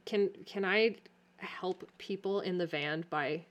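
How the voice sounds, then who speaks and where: A woman playing a tabletop game, eagerly describing what her character does and quickly rattling off in-character orders. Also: on the low side. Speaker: player. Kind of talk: casual tabletop play.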